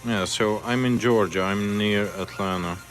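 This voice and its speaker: Painting fishing lures in his workshop, a man from Hungary talks casually to his livestream audience in a Hungarian accent, fielding viewer questions between tasks. His lowish, slightly bright voice keeps a steady tone at normal speed, with faint music behind it.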